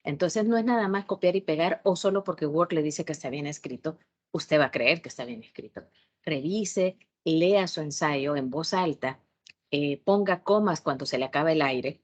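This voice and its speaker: A university math education tutor with a Salvadoran Spanish accent and a low voice gives an online tutorial lecture. Her delivery is strict and instructive, and she often pauses on hesitation fillers as she explains.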